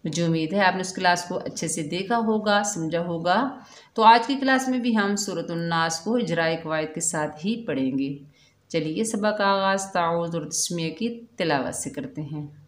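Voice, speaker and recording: A woman teaching Quran recitation slowly and patiently, drawing out the recited words in a chant. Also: on the low side, echoey room. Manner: slow, patient explaining with drawn-out chanted recitation. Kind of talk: step-by-step recitation lesson.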